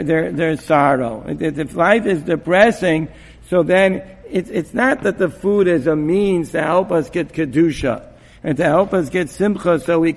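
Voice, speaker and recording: Halting, gravelly-voiced man giving a mussar talk. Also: on the high side, in a large hall. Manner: halting, many restarts and repeated words, sprinkled with Hebrew and Yiddish terms. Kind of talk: informal Torah talk to students.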